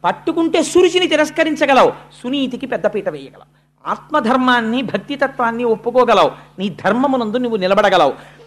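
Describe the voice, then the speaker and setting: A man's voice: extremely high pitch, expressive, a little fast, fairly bright tone. Male preacher telling a scripture story, theatrical narration. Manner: dramatic storyteller, acts out characters' speech. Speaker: religious discourse speaker. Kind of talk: devotional storytelling sermon.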